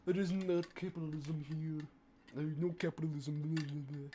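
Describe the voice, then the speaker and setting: A man's voice: fairly high pitch, fairly even intonation, moderate pace, mellow, a little hiss or hum, natural voice. A man putting on a joking Russian accent to play a mock-stern Russian speaker. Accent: put-on Russian.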